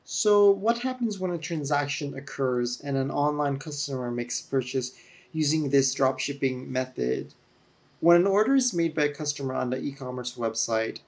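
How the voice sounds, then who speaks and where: A man hosting a solo podcast, explaining steadily in an earnest, lecturing way, recorded on a camera-mounted mic that makes him sound echoey, as if through a tunnel, with some feedback. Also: mid-range voice. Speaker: podcast host.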